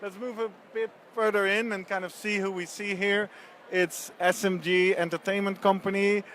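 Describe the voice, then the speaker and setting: Male roving reporter, chatty, a bit higher pitched, faint show-floor hum behind. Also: fairly bright tone. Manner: chatty, upbeat, stumbles and restarts. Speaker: event reporter. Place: busy trade show floor.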